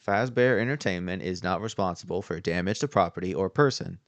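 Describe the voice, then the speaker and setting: A man's voice: low-pitched, fairly quick, dry recording, muffled recording. A man voicing an affable, nervous office worker who leaves a rambling, reassuring phone message from a game script. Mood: reading formally.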